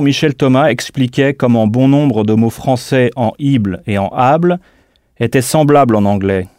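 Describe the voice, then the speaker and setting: Deliberate male language teacher, dry studio sound. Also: medium pitch, darkish tone, no echo. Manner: clear, deliberate, spells out words letter by letter. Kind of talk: scripted audio language lesson.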